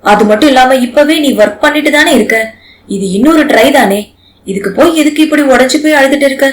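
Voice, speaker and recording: A woman voicing a caring young husband who consoles his wife in a calm, gently lecturing way. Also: high voice, a little fast, roomy sound, lightly acted, rough recording. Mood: consoling.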